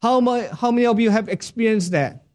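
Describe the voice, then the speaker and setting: A man preaching a sermon as pastor, asking the congregation rhetorical questions in a deliberate way. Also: very high-pitched, darkish tone.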